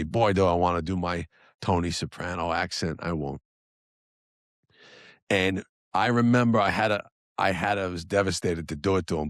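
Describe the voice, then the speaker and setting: A man's voice: low-pitched, no room sound, clean studio sound. A man in his thirties hosting a solo podcast, talking conversationally with frequent restarts and asides. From New Jersey area. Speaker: podcast host.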